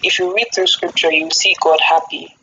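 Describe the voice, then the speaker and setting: A woman's voice: lowish voice, steady tone, moderate pace, sharp tone. A woman, talking about faith in an earnest, casual way and laughing often. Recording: slightly dull audio with faint background noise.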